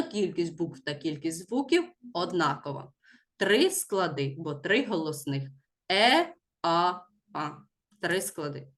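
A woman teacher leads a school lesson at an unhurried pace. She speaks deliberately and stresses each word so children can write it down, in a voice of ordinary pitch. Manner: slow, deliberate, stresses words for dictation.

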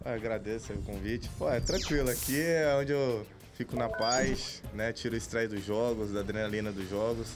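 Relaxed joking young goalkeeper. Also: male voice, on the low side, normal speed, few pauses, music in the background. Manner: relaxed, joking, laughs often. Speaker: football goalkeeper being interviewed. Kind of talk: casual home-tour interview. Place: apartment indoors. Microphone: handheld reporter mic.

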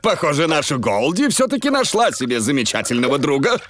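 Animated, jovial Daddy Pig. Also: male voice, a little high, fairly quick, no room sound. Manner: expressive exclamations. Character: jovial, easygoing grown-up father pig. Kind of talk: dubbed preschool cartoon acting. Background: light music.

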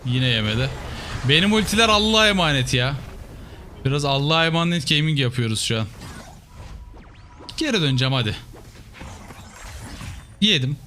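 A man's voice: a little high, normal speed, pauses often, slight background noise. A young man giving casual live commentary over his own gameplay, muttering to himself one moment and yelping the next. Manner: excitable, swings between mutters and yelps. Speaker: gaming YouTuber.

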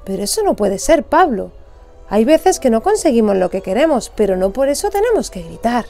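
Lively woman reading a children's story. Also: fairly high pitch, fairly quick, gravelly, faint music behind. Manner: expressive, sing-song reading voice.

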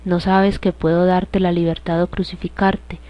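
Roman governor, read by a woman, low and flat. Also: normal speed, no echo, close to an everyday voice. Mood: questioning. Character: male Roman governor questioning a prisoner. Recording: dull lo-fi dry recording.

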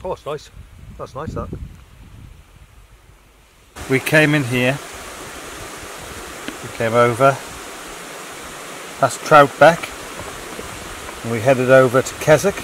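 Slow-talking man outdoors, far from the mic. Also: mid-range voice, a bit bright, slight background noise. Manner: slow, easygoing, explaining a route. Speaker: walking companion. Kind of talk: casual chat. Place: outdoors in the hills by a road. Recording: distant outdoor camera audio.

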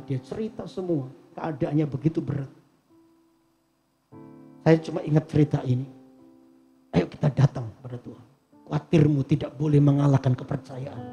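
Male pastor preaching, mellow dark tone, gravelly, talks right at the congregation. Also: fairly high pitch, dull audio. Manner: storytelling, addresses the congregation directly. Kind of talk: sermon with retold stories. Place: church service before a congregation.

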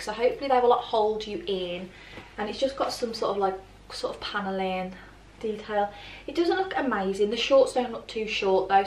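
A woman's voice: medium pitch, far from the mic, a little hiss or hum. A young British woman in her twenties chatting through a clothing try-on, full of filler words, filmed in a plain room on the camera's mic. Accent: British English. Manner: chatty, filler-heavy with constant "like". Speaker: fashion vlogger. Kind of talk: casual try-on haul. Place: plain grey bedroom, indoors. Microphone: camera mic from across the room. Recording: roomy echo, voice a bit off-mic, faint ambience.

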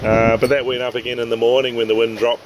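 Filming in a boat's open cockpit at sea, a middle-aged man hosts a sailing vlog, narrating fast and casually in a medium-pitched voice. He's relaxed and matter-of-fact, using sailing terms. The handheld camera mic catches wind, along with wind and water noise.

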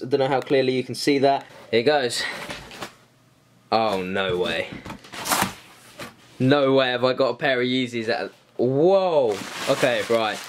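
An excitable young man talks straight into a handheld camera, full of slang and exclamations. His voice sits at an ordinary male pitch. The camera audio carries a steady layer of noise behind him. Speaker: vlogger host. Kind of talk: casual vlog unboxing and exploring. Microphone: handheld camera mic.

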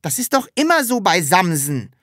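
A woman voicing a cheeky, stubborn, childlike magical creature in an audiobook, with a high, bright voice and an insistent, excitable way of talking. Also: normal speed, no room sound, studio quality. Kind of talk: audiobook character reading.

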